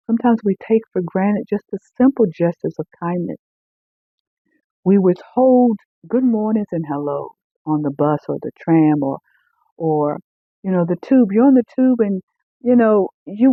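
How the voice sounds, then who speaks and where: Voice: medium pitch, no room sound. Preacher on a tinny line. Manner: repeats key phrases slowly for emphasis. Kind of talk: sermon-style teaching. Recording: tinny phone-like sound.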